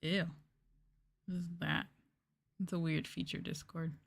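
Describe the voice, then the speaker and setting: Reading viewer messages and replying during an ASMR livestream, this drowsy VTuber and livestreamer keeps things informal, sighing now and then. She speaks unhurriedly in a low-pitched voice with flat delivery and vocal fry.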